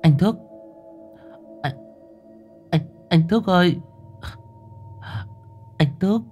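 A man voicing a frightened young village wife who stammers and pleads in a hushed, raised voice. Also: high-pitched, big pitch swings, normal speed, creaky, dull audio, soft background music, voice pushed up, full character voice. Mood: frightened stammering.

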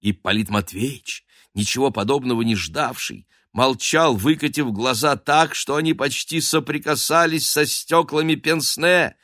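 A man narrating an audiobook in an expressive, dramatic storytelling manner. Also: mid-range voice, normal speed, hardly any pauses, dry recording, studio quality. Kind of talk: scripted narration.

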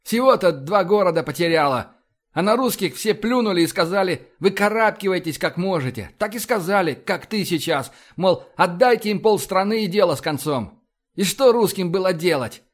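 A man's voice: high voice, expressive, normal speed, voice pushed up. A man doing a sullen, scornful astronaut. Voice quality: grumbling, scornful. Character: gruff sullen male astronaut skeptic.

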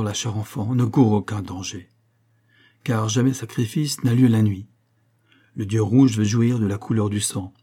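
A man reading as a grave, steady guide. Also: on the low side, slightly rough.

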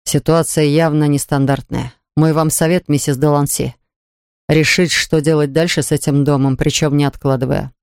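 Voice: normal speed, clear, resonant tone, no room sound, close to an everyday voice. A narrator voicing a composed, businesslike male property developer, reading in a dry, close studio recording. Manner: calm, businesslike, lowered voice.

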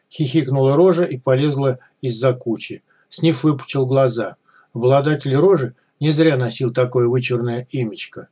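Middle-aged male audiobook reader, husky tone, even read with light character voicing. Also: medium pitch. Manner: reads dialogue with small raised voices for characters. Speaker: audiobook narrator. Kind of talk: scripted narration.

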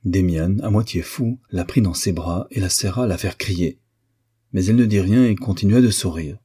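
A man reads classic fiction aloud in a measured, even narrating voice. His tone is very deep and dark with a husky grain. The recording is dry and close, with no room around him. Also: dry recording. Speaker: audiobook narrator. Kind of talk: literary audiobook narration.

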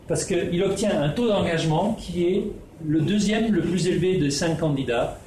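A man's voice: high-pitched, normal speed, a little mellow, a little hiss or hum. Hesitant man. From Netherlands. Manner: hesitant, many fillers and restarts. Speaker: researcher. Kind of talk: spoken presentation. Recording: echoey room with faint ambience.

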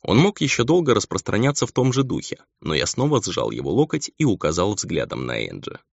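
A man reading a fantasy audiobook in an expressive storytelling manner. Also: lowish voice, fairly quick, vocal fry, dry recording. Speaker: audiobook reader. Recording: dull dry lo-fi audio.

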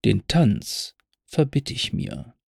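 A man voicing a stubborn, defiant male warhorse who speaks slowly, calmly and dryly. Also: medium pitch, creaky, husky, dry recording, studio quality, voice pushed up, full character voice.

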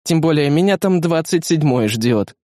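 A man voicing a calm, caring female ship AI in a storybook reading, soft and composed with a light teasing edge. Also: on the high side, moderate pace, dry recording, clean studio sound, pitched above the performer's own voice, natural voice. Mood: wry guiding. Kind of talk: audiobook character voice.

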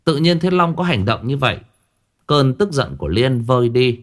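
A man narrating a horror story in a dramatic, scripted telling. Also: mid-range voice. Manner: dramatic, lively delivery with drawn-out phrasing.

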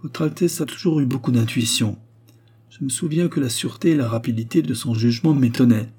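A man voicing a humble, secretive old man who speaks gravely and with respect. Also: mid-range voice, brisk, dark tone, voice pushed up.

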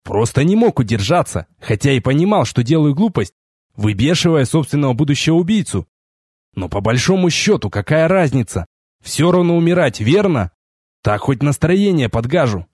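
Expressive husky male audiobook narrator. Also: a little high, normal speed, no room sound, studio quality. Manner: expressive, wry. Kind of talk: first-person audiobook narration.

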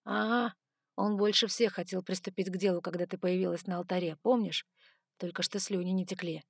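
A woman's voice: fairly low pitch, fairly even intonation, brisk, slightly rough, dry recording, clean studio sound. A woman voicing a sly, sarcastic male ice dragon who talks in a teasing, offhand way.

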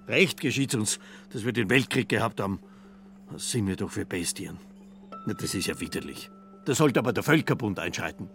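A man's voice: lowish voice, animated, normal speed, soft background music. An actor playing a pompous, moralizing male journalist in a radio play, with a lecturing manner. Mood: indignant. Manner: indignant, lecturing.

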